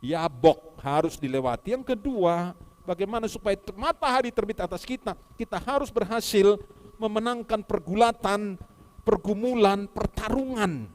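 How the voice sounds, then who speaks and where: High-voiced man preaching a sermon. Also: lively intonation, normal speed. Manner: emphatic, swings between soft asides and loud exhortation. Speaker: pastor.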